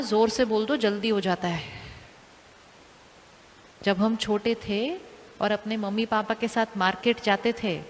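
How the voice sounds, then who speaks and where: Casting: woman, calm spiritual teacher, asks the audience questions again and again, long hall reverb, faint hiss. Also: mid-range voice.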